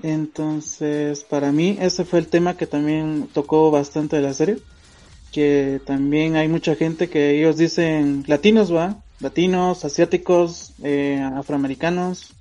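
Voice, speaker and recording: A man, co-hosting a casual podcast and musing out loud with many fillers. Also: a little high, fairly even intonation. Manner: thoughtful, pauses with fillers, tags "¿va?". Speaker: podcast co-host. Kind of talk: casual opinion chat. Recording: dull lo-fi audio with faint music.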